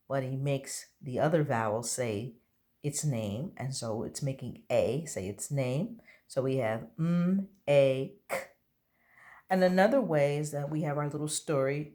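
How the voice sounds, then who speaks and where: A woman with a low voice teaches young children their letter sounds. She speaks slowly and patiently, stretching out each vowel so it can be heard clearly. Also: darkish tone. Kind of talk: phonics lesson for young children. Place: at home.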